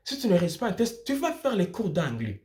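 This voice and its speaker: A young Burundian man, a student vlogger, gives study-abroad advice in a high-pitched, darkish voice with huge pitch swings. He talks fast and informally to viewers, emphatic, repeating and rephrasing his points.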